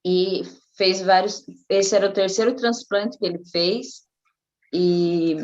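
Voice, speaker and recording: A middle-aged woman, telling a personal faith testimony in a casual, animated way. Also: mid-range voice, slow, muffled recording. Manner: animated storytelling, acting out quoted voices. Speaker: guest giving a testimony.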